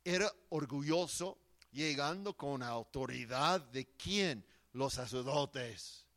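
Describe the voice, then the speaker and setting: A man's voice: mid-range voice, animated, slow pace, fairly bright tone. A man preaching a sermon in an earnest, emphatic way, often restarting his words.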